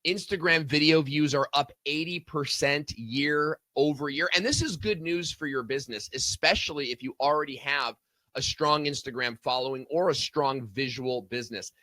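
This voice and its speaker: Guy hosting a biz talk show, bright voice, pretty dry sound, chatty and friendly. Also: a little high, normal speed, no room sound. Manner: friendly, conversational with fillers. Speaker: show host. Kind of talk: casual business talk show.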